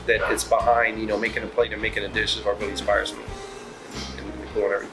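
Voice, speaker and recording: A middle-aged Puerto Rican man who is a managing partner at a restaurant answers interview questions in a casual, rambling way, full of fillers and restarts. His voice is lowish and flat, and he talks fast. The recording is rough, with music playing underneath.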